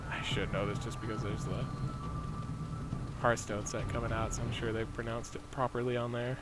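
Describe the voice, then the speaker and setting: A man giving relaxed, chatty gameplay commentary, half talking to himself. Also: mid-range voice, normal speed, very noisy. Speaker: gamer reading quests aloud. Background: game music.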